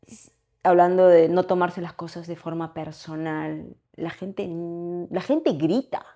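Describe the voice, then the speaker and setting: Young woman cohost, lowish voice, thinks out loud, lots of "eh" and tag questions. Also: slow pace. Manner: reflective, thinking aloud with hesitations and tag questions. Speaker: podcast co-host. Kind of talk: casual chat.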